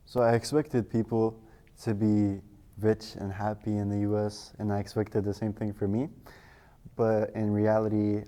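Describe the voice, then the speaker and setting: Young man from Saudi Arabia, low dark voice, calm and measured. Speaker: guest.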